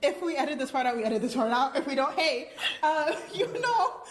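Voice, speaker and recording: Young woman, swooping high voice, playful slangy podcast banter, echoey noisy recording. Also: very animated, fairly quick. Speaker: podcast co-host. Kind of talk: casual chat, interjecting banter. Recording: echoey room with clear background noise.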